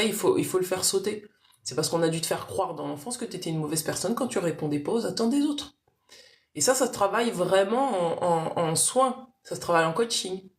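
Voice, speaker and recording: A woman's voice: mid-range voice, roomy sound. A woman giving spiritual readings on a casual live stream, speaking directly and coaxingly to viewers by name.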